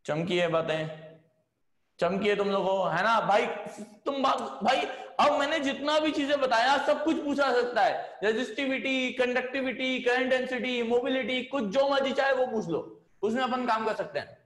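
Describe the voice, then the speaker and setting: A man gives a chatty physics lecture to a class, coaxing his students along and often saying "है ना." His voice is very high-pitched and a bit bright, at a normal speed. The sound is roomy.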